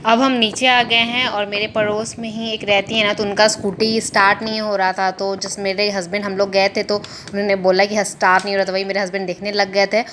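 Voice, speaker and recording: A woman's voice: mid-range voice, little pitch movement, brisk, few pauses, a bit bright, slight background noise. A young woman vlogging in a chatty, casual way, slipping English words into her talk. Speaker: family vlogger. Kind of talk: casual vlog narration.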